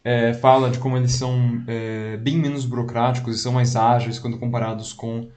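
A man's voice: medium pitch, little pitch movement, fairly quick, a little mellow. A man co-hosts a casual live show and reads out viewer comments. He talks hesitantly and leans on fillers between phrases. The recording has a roomy echo. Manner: hesitant, many fillers like "né" and "assim". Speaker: co-host reading viewer comments.

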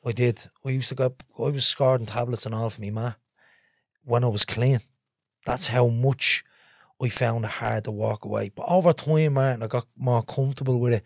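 A man's voice: medium pitch, steady tone, normal speed, vocal fry, dry recording, studio quality. A middle-aged man with a Dublin accent, a podcast guest telling his life story candidly and with animation. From Ballymun, Dublin, Ireland. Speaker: interview guest.

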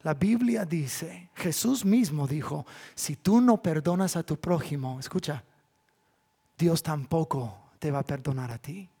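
A man, a pastor preaching a sermon in church, swinging from loud, drawn-out appeals to hushed asides. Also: on the high side, expressive, slightly rough.

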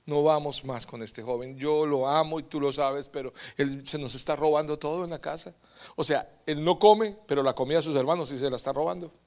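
A man preaching, telling his testimony softly and then exhorting loudly. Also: a little high, vocal fry. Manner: swings from hushed storytelling to loud exhortation. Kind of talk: sermon with personal testimony.

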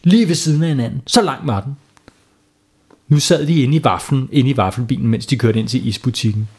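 A man's voice: mid-range voice, darkish tone, slightly rough. A man telling a bedtime story to children in a playful way, stopping to ask them questions.

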